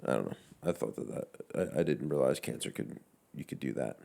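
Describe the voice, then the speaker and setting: A woman's voice: extremely low pitch, lively intonation, a little fast, gravelly, warm tone. A woman co-hosting a casual podcast, reacting bluntly and swearing freely. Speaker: podcast co-host.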